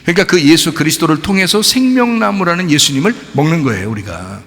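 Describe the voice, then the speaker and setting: A middle-aged male pastor preaches in a lively, sing-song voice that sits a little high for a man. He talks in a folksy way and acts out little quotes with laughter. His voice rings out in a large church hall with a long echo. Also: quick pace. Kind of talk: sermon.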